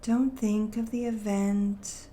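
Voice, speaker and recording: A woman guides a meditation in a gentle, soothing way, phrasing things deliberately and leaving long pauses. Her medium-pitched voice stays level, with slight background noise.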